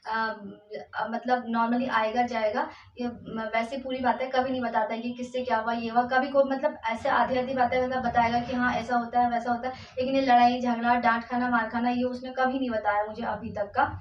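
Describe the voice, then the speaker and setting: Emotional high-voiced woman, echoey and distant. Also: level tone, a little fast, slight background noise. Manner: emotional, rambling, many fillers and restarts. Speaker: vlogger and mother. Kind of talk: personal storytelling vlog. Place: room at home. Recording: echoey, distant, dull lo-fi sound.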